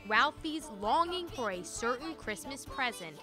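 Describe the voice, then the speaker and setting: A woman reporter narrating a news feature in a polished, bright delivery. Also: high-pitched, sing-song, measured pace, music in the background.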